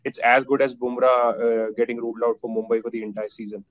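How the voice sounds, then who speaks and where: A man in his thirties gives cricket analysis in a casual panel discussion over a video call, speaking fast in a flat, mid-range voice full of fillers and restarts. He sits in a plain indoor room, and his webcam audio is poor, though there's no echo.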